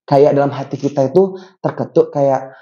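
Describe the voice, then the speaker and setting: A man's voice: medium pitch, normal speed, mellow. A young man hosting a church podcast, chatty, telling a story with many fillers. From Bali, Indonesia. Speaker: podcast host. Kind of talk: casual chat. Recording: dull lo-fi podcast audio.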